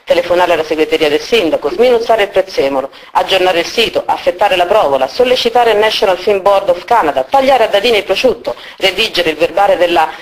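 A woman reading the opening of a novel aloud at a book presentation, with steady, expressive storytelling. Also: on the low side, quick pace, hardly any pauses, rough recording.

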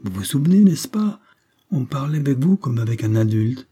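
A man's voice: mid-range voice, sing-song, moderate pace, dark tone, breathy edge, pitched above the performer's own voice. A man voicing a self-assured old male professor with a quavering, patronizing voice. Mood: insistent. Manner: patronizing, then sneering.

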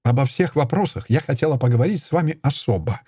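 A shrill, self-righteous Soviet woman official, as a male audiobook reader puts her on, pitched well above his own voice and swooping widely. She shouts her accusations in a triumphant sing-song. The voice stays husky and dry. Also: expressive, fast, no room sound. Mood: indignant.

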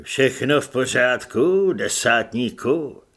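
A man voicing a commanding male army sergeant in an audiobook, speaking slowly and firmly. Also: mid-range voice, animated, fairly bright tone, pitched below the performer's own voice.

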